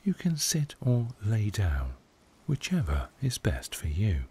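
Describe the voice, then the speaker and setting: Male meditation guide, deep-ish voice, very unhurried, gentle hushed and whispery narration. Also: huge pitch swings, slightly rough. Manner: soft, hushed delivery, often slipping into a whisper.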